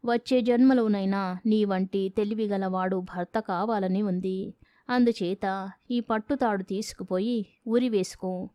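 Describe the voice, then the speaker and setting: A woman's voice: mid-range voice, mellow, no echo, lightly acted. A woman voicing a cunning landlord's wife who speaks in a persuasive, sly way in a storybook reading.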